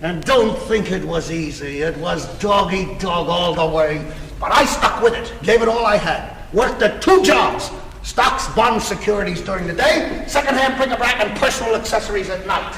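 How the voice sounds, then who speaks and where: A man's voice: sits high, animated, normal speed, creaky, fairly bright tone, slight background noise, exaggerated voice. A man acting a boastful, competitive self-made businessman in a stage comedy, bragging theatrically in long lists. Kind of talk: stage comedy cast recording. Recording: echoey theater with long reverb.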